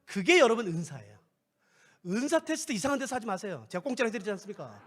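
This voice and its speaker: A middle-aged male pastor preaching a sermon in an animated, playful way, acting out little scenes. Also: high voice, fast talker. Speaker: guest pastor. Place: church sanctuary.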